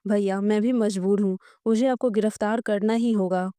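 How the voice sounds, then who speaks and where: A woman's voice: mid-range voice, fairly even intonation, normal speed, dark tone, clear, resonant tone, no room sound, lightly acted. A woman voicing a proud young male snake guardian in human form who is brash and easily offended.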